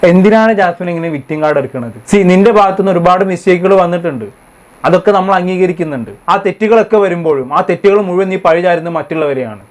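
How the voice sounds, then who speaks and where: Fast, high-pitched sarcastic male reviewer. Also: lively intonation. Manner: sarcastic, scolding. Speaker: episode review host. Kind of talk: fast casual review commentary.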